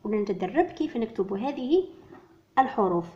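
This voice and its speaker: Woman teaching slow, careful French. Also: on the high side, animated. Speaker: primary school French teacher. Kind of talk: workbook lesson explained in French and Arabic. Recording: dull lo-fi recording.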